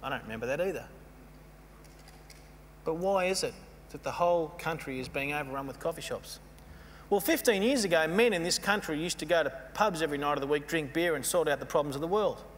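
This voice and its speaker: A man giving a storytelling keynote speech, animated and mocking as he acts out scenes. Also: a little high, a little fast. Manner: animated, mocking, playfully acts out quoted voices. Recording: long hall reverb with faint hum.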